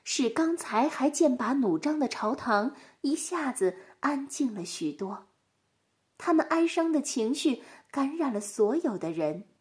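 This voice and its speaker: A woman narrating a storybook with an expressive, animated delivery. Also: high-pitched, measured pace.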